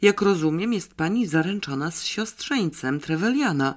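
A reader voicing a sharp, bossy old woman confined to her bed, blunt and commanding. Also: medium pitch, lively intonation, moderate pace, voice pushed up, lightly acted. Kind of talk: audiobook character voice.

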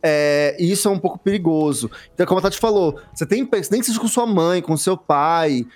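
A man's voice: fairly high pitch, brisk. A man in a casual group chat, explaining his point earnestly.

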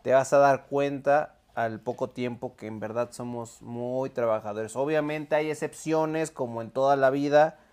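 Mexican man co-hosting a chatty podcast, loose and slangy, quick to laugh. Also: medium pitch, smooth. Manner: laughs easily, slangy and animated. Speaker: podcast co-host. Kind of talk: casual chat.

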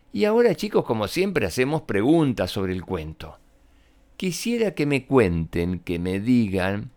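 A male storyteller reading a tale aloud for children. His voice rises and falls with lively pitch, and he speaks directly to his young listeners. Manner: animated and expressive, addressing children.

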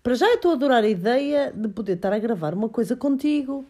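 A woman's voice: on the high side, expressive, fast talker, warm tone. A middle-aged woman with a European Portuguese accent, chatting casually and unscripted as a podcast co-host. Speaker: podcast co-host with her son.

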